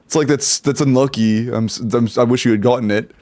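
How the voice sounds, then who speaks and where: A man's voice: mid-range voice, steady tone, quick pace, darkish tone. A man streaming a game, talking casually to his chat over a headset mic, stumbling and repeating words as he reacts. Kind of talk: casual livestream commentary while playing. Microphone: headset mic on a livestream.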